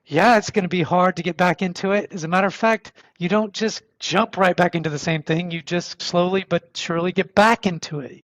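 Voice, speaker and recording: A man's voice: sits high, fairly quick, hardly any pauses, fairly bright tone, dry recording. A man hosting a podcast, telling stories in a rambling, anecdotal way. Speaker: podcast host. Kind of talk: casual interview conversation. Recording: slightly dull lo-fi audio.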